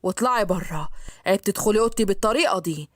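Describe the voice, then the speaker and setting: A woman's voice: lively intonation, rapid-fire, dry recording, lightly acted. A woman voicing a cold, teasing young man with an Egyptian accent, speaking in curt, dry replies. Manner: curt, dry, low-voiced.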